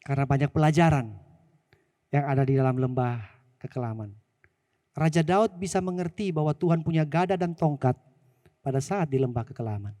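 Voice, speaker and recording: Male pastor, sermon storytelling, animated, questions to the congregation, high voice, church hall reverb. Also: fairly quick, long pauses, studio quality.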